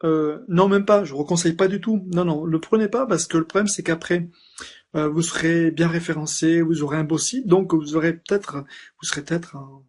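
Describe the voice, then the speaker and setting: A man's voice: a little high, moderate pace, darkish tone. A man giving a casual, joking testimonial about a course, chatty with hesitant restarts.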